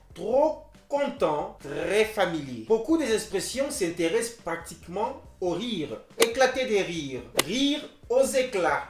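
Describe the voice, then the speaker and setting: A man teaching a French lesson who repeats example phrases and acts out how each one sounds. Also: high-pitched. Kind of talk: language lesson. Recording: roomy with faint music.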